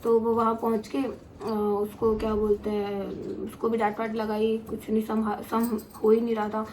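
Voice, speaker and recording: A woman's voice: fairly high pitch, monotone, normal speed, a little mellow, a little hiss or hum. A young woman telling a story in casual chat, acting out her own cries and other people's lines. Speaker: vlogger.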